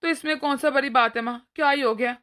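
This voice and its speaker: A woman's voice: high-pitched, fast talker, pushed and bright. A woman voicing an exasperated young husband scolding his mother in a cartoon, with an impatient manner. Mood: annoyed. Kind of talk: cartoon voice acting.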